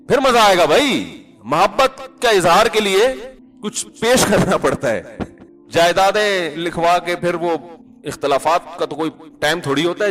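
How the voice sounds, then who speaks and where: A male Islamic scholar giving a conversational sermon, lively and wry, asking rhetorical questions and chanting Arabic verses now and then. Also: a little high.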